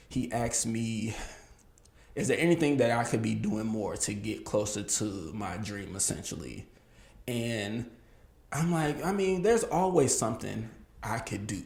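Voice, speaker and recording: A man's voice: lowish voice, gravelly, a little mellow, roomy sound. A man in his early thirties hosting a solo podcast, talking candidly and reflectively, with bursts of emphasis. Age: 30s. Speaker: podcast host. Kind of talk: casual solo podcast monologue.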